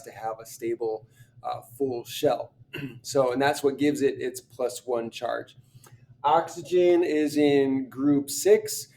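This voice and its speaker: A man working through chemistry practice problems, thinking aloud, often clearing his throat and restarting sentences. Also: mid-range voice, mellow, recorded from a distance, slight background noise. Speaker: chemistry teacher.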